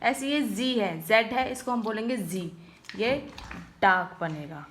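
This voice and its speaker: A woman's voice: a little high, unhurried, a little hiss or hum. A woman teaching a stenography lesson, patiently explaining each stroke and often checking in with her viewers. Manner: patient, repeats "ठीक है guys" often.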